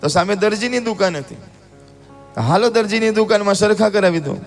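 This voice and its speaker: Lively high-voiced male storyteller. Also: fairly quick. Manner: lively, theatrical, addresses the audience. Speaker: religious storyteller. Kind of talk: devotional storytelling sermon. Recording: live talk with music behind.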